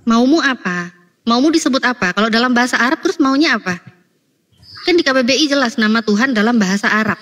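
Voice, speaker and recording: A woman's voice: a little high, lively intonation, fast talker, fairly bright tone. A woman in a heated online debate, talking in an insistent, lecturing way and sounding exasperated, on a video call.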